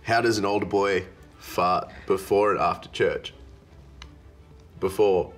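A man's voice: low voice, steady tone, takes it slowly, faint music behind. A man in his thirties telling dad jokes, each a set-up question followed by a punchline. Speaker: joke teller in a dad-joke challenge.

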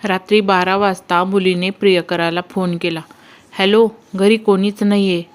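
A woman's voice: mid-range voice, little pitch movement, normal speed, smooth. A woman reading out a string of short jokes, acting out each character's line in turn. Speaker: joke reader. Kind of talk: reading Marathi jokes aloud.

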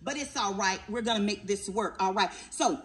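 A woman's voice: medium pitch, moderate pace. A middle-aged woman hosting a casual cooking demonstration in her home kitchen, chatty and emphatic, often checking in with her viewers.

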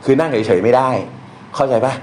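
A man's voice: medium pitch, brisk, a little mellow. Blunt, slangy male teacher in a roomy space. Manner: blunt and colloquial, with slang and crude words; recites verse aloud. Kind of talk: casual lecture on Thai poetry. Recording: echoey room, faint noise.

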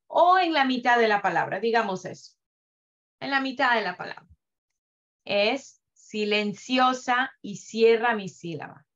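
A woman teaching Hebrew reading in a live class, slowly drawing out sounds to demonstrate them with patience. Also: fairly high pitch, a bit bright. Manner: patient, drawn-out demonstrative pronunciation. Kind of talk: slow online reading lesson. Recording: dull lo-fi audio.

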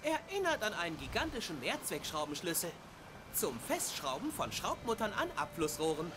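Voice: medium pitch, sing-song, moderate pace, fairly bright tone, soft background music. An actor voicing a polite, earnest young boy in a storybook adventure game, innocent and full of wonder. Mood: curious.

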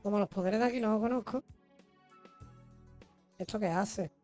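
With video game music playing behind her, a Spanish-accented woman livestreams her gameplay and chats in a slangy, jokey, foul-mouthed way. She has a mellow, mid-range voice at a normal speed.

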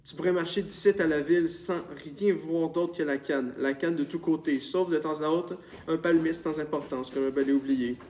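A man's voice: a little high, normal speed, hardly any pauses, darkish tone, far from the mic, lightly acted. A man reading the part of Manuel, an earnest peasant back from Cuba, on a noisy recording with clicks.

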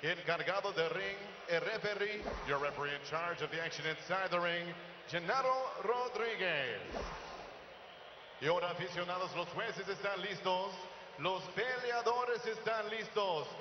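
A man with a high-pitched voice announces fights in a boxing ring inside an indoor arena, holding a handheld microphone and switching between Spanish and English. His booming showman delivery draws out names like a flashy lucha libre announcer. The sound echoes through the noisy arena and comes across slightly dull.

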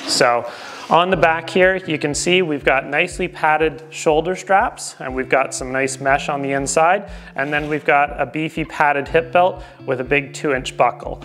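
A man in his forties standing indoors at a table, giving a relaxed product review to the camera with frequent ums and uhs. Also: on the high side, unhurried. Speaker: gear reviewer.

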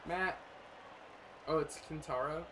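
Young male gamer, profane rambling commentary, sudden yells, fairly high voice, noisy home room audio. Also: takes it slowly. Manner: profane, rambling, bursts into loud yelling. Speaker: gaming streamer. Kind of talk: casual gameplay commentary. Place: small room indoors.

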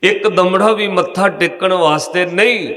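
A man's voice: high voice, measured pace, pushed and bright, pitched above the performer's own voice. A man voicing a poor, humble, devout villager who pleads in tears, heard in an echoey hall. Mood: pleading.

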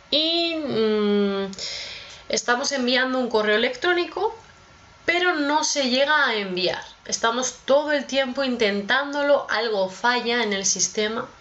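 Slow, patient woman teaching Spanish. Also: fairly high pitch, fairly bright tone. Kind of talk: explaining expressions with examples. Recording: dull lo-fi audio.

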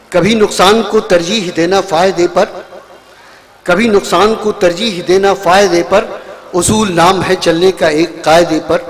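High-voiced man in stately nazm recitation, reverberant. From India. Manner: declamatory, repeating lines for emphasis. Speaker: poet reciting at a mushaira. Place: stage at a public poetry gathering. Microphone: stand microphone through PA. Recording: echoing PA with long reverb.

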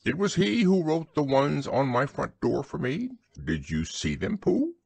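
A man's voice: fairly high pitch, very animated, a little slow, vocal fry, a little mellow, husky, dry recording, voice pushed up, heavily acted. A man voicing a pompous, self-important owl in a storybook, speaking formally in long words. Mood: proud. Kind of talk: storybook character reading.

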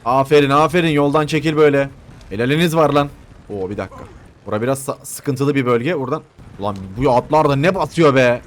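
Fairly quick and mid-pitched, a young man delivers running commentary on a western video game as he plays it. Along the way he jokes around, drops swear words, and responds to the in-game characters.

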